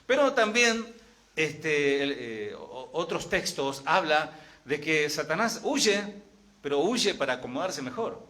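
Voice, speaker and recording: Middle-aged Argentine male pastor, bright, slightly high voice, conversational sermon with frequent rhetorical questions. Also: big pitch swings, slow pace. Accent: Argentine Spanish.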